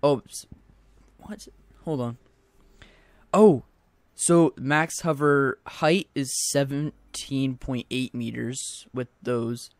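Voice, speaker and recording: A young man giving casual, rambling let's-play commentary, excitable and full of goofy asides. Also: medium pitch, gravelly, no room sound. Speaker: gaming video host.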